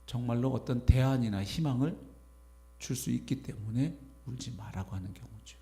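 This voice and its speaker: A man preaching a sermon as pastor, animated, acting out imagined voices as he goes. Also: medium pitch, normal speed. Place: church sanctuary.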